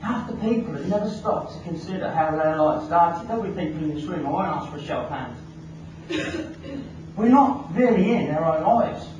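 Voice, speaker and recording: A man giving an animated motivational seminar talk, firing rhetorical questions at a live audience. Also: on the high side, moderate pace, lo-fi sound. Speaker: motivational speaker. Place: large hall with a live audience. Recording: echoey hall from far off, audience noise.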